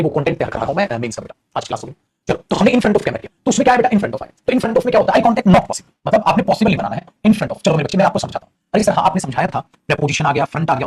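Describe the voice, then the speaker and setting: Male teacher, husky, quick delivery, patient explaining. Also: sits high, a little mellow. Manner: explains patiently, keeps calling students "beta". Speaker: English teacher. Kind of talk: teaching a class.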